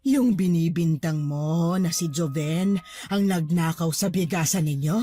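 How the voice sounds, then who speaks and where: A woman's voice: fairly low pitch, a little slow, dark tone, natural voice. A woman voicing a cold, vengeful older mother who accuses and preaches in a dramatized horror story. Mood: accusing.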